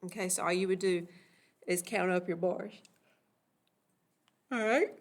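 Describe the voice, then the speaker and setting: A woman's voice: lowish voice, flat delivery, moderate pace. A woman teaching a recorded math lesson, patiently walking through examples and checking in with "okay?".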